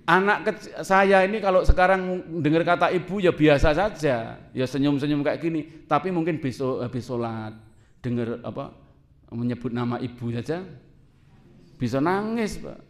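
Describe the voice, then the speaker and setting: A male preacher gives a conversational sermon. His voice sits a little high for a man, and he keeps throwing questions to the audience and laughing along with them. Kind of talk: sermon to a congregation.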